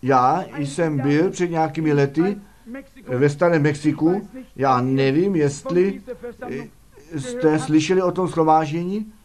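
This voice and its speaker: A man's voice: fairly high pitch, darkish tone. A man preaching a sermon fervently, firing rhetorical questions at the congregation.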